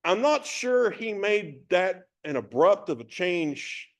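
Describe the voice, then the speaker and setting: A man's voice: high voice, sing-song, slow pace. A man teaching a Bible passage verse by verse, reading it from several translations and musing on it in a conversational way.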